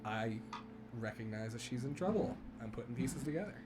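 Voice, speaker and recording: A man's voice: mid-range voice, expressive, fairly quick, loud music behind the voice. A man playing a tabletop game, mixing casual banter with wry, wheedling in-character improvisation.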